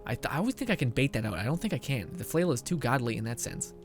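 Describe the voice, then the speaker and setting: A man's voice: mid-range voice, big pitch swings, quick pace, faint music behind. A young man streaming a game, chatting casually, laughing often and reading chat messages aloud. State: out of breath at times. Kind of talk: casual live-stream commentary.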